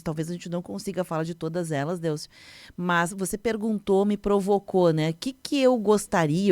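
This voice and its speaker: A woman's voice: mid-range voice, no echo. A woman hosting a radio talk show and reading a short story aloud in a conversational way. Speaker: radio host.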